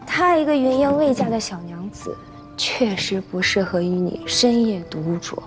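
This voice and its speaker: An actress in a costume drama playing a bold, boisterous tavern proprietress with slurred, drunken speech. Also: female voice, on the high side, lively intonation, normal speed, over music, natural voice. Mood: bold, tipsy. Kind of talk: Chinese costume television drama acting.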